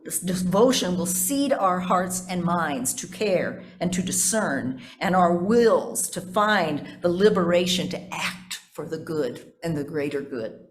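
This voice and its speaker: Her voice fairly low and animated, a woman pastor delivers a sermon in careful, deliberate phrasing, repeating key points and turning to the congregation with conversational asides.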